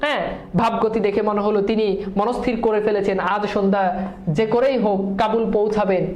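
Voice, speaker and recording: A woman's voice: medium pitch, fairly even intonation, a little mellow, echoey room. A woman teacher, quizzing students in an exam-prep lesson and mixing English words into her speech. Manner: quizzing students with quick questions and answers.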